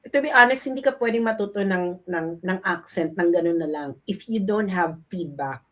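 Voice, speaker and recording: Blunt gossipy woman co-host. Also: lowish voice. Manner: blunt, emphatic, drawn-out critiques. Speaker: show co-host. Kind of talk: gossipy commentary chat.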